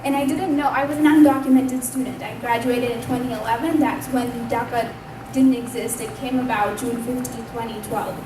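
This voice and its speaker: A young woman in her twenties, from Pakistan, speaks with a bright, high voice, sharing her own story in an earnest, chatty way. She is caught from some distance in a roomy hall that echoes, with steady noise behind her. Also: moderate pace. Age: 20s. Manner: earnest, conversational, speaks up loudly. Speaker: invited speaker at a community event. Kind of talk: personal testimony speech. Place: community hall. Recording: echoey room, distant mic, background noise.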